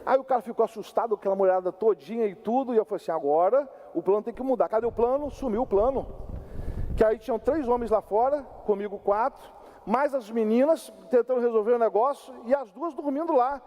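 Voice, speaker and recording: An older man preaching a sermon as pastor, telling a personal story in an animated, conversational way and speaking straight to the congregation. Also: extremely high pitch, a little fast, muffled recording. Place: church sanctuary. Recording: long church hall reverb.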